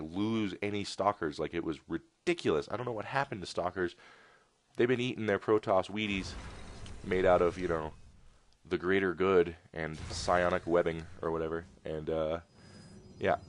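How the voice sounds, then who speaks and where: Here a caster offers loose, meandering commentary on a strategy game replay, sprinkled with humorous remarks. His voice sits low, with a slight hiss or hum in the background.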